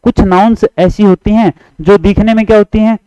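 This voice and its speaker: A man with a Haryanvi Hindi accent teaching English grammar for exam prep, repeating points, coaxing students to answer along and reading example sentences slowly. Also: high-pitched, fairly even intonation, mellow, clean tone, dry recording, lo-fi sound.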